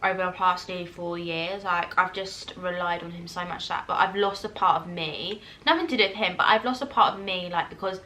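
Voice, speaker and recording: A woman, chatting casually with viewers in a Q&A while eating, rambling quickly with many fillers. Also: fairly low pitch, fairly even intonation, pushed and bright, slight background noise. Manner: chatty and self-reassuring, laughs often. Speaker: vlogger.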